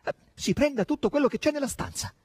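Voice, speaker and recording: A man's voice: very high voice, fast, darkish tone, no echo, voice pushed up. A man voicing an impassioned young woman turned witch, who exclaims exultantly in a raised voice.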